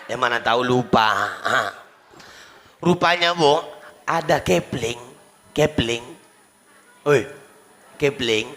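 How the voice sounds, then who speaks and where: A man's voice: mid-range voice, bright, forceful tone. A male preacher giving a humorous sermon, joking and chatting with the congregation. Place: mosque. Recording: long hall reverb.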